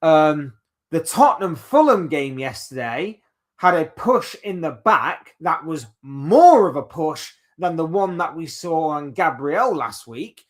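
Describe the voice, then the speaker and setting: A man hosting a casual solo football chat, rambling and opinionated, reeling off players one by one. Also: on the high side. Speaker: football channel host.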